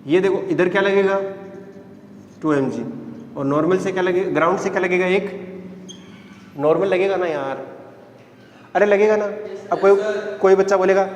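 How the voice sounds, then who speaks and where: A man's voice: high-pitched, moderate pace, long pauses, a little mellow, a little hiss or hum. A man teaching physics and coaxing his students with repeated "right?" checks. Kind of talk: classroom lecture. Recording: echoey classroom, long reverb.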